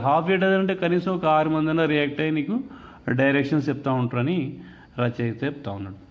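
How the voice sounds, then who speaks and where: A man teaching a lesson on an English text, explaining in another language mixed with English words and reading English quotations slowly. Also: a little high.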